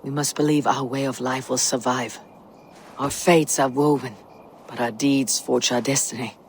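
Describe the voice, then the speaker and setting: Stoic Viking war leader, faint noise. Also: female voice, rumbling low, steady tone, normal speed. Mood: calm, grave. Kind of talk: dramatic video game acting.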